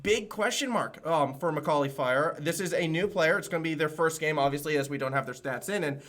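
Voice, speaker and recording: Aussie analyst caster, rapid-fire, slightly high, detailed breakdowns. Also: male voice, a bit bright. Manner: analytical, talks fast in long explanations. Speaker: esports caster. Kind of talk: live esports analysis.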